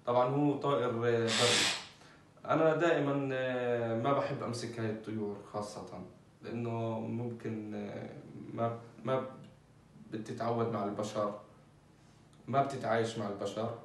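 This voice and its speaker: A man's voice: medium pitch, steady tone, normal speed, distant mic, slight background noise. A man casually explaining a bird he is caring for, with many fillers. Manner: chatty, many fillers, talks while handling birds. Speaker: bird keeper vlogger. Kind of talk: casual informative vlog. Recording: echoey, off-mic with faint ambience.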